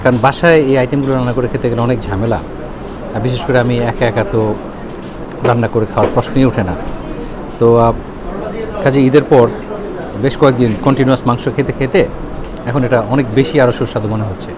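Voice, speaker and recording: A food and travel vlogger with a Bangladeshi accent hosts a casual, chatty restaurant review to camera, sprinkling in English words. His medium-pitched voice is fairly even and fairly quick, broken by long pauses. The low-quality recording picks up busy roadside traffic and chatter behind him.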